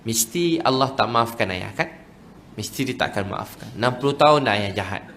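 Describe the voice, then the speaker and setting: A man voicing a tearful, remorseful older man, who speaks softly, slowly and pleadingly. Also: medium pitch, slight background noise, voice pushed down, close to an everyday voice. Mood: despairing.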